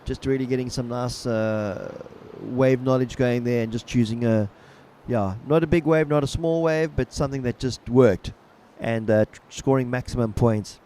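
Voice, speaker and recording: A man giving casual, laid-back live commentary as a surf contest announcer, unhurried and chatty. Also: medium pitch, dark tone. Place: outdoors at a surf beach. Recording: outdoor ambience with clear background noise.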